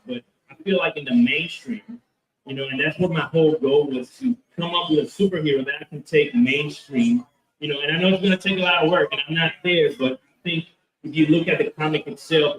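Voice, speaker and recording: At a convention, a man is interviewed about his comic book, rambling with plenty of fillers and restarts. His voice is on the high side and picked up from off mic, with a roomy echo from the hall.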